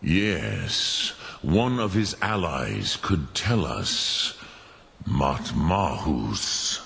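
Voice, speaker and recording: A man voices an ancient, wise dragon mentor in a fantasy video game, gravelly, ponderous, and musing, with pauses and dragon-tongue words. His pitch is extremely low yet swings widely, a bit bright, in a heavily acted delivery.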